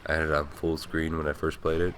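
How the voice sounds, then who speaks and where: A man's voice: a bass voice, fast talker, slight background noise. A man hosting a casual let's-play, commentating while he plays and swearing offhandedly. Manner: relaxed, rambling, swears casually. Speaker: host playing the game. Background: game music.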